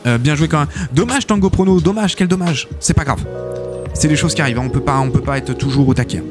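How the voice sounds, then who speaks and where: A man casting a live esports tournament as host, excitable and chatty, full of filler interjections. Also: mid-range voice, quick pace. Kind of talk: live game commentary. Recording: game music behind the voice. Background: game music.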